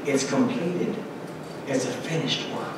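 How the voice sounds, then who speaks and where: Heavy background noise sits under this far-off, echoey church recording. Standing indoors at a pulpit, a middle-aged male pastor delivers a sermon, reading scripture with earnest emphasis in an unhurried, mid-range voice.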